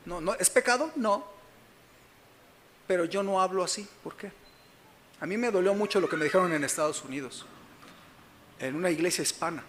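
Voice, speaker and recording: A man's voice: sits high, moderate pace, pauses often, a bit bright, slight background noise. A man with a Mexican Spanish accent from Mexico City, preaching a sermon as pastor and often checking that the congregation is following him. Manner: keeps asking the congregation whether they follow him.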